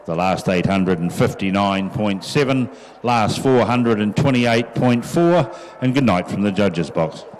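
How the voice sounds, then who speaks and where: A man's voice: lowish voice, lively intonation, unhurried, a little mellow, slight background noise, low-quality recording. A man formally announcing race placings, margins and times. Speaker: race judge announcing results.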